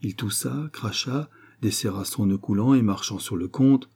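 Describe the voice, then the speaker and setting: A man reading a classic French novel aloud as an audiobook, in a measured narrating tone. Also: lowish voice, a little mellow, breathy edge. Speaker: audiobook reader.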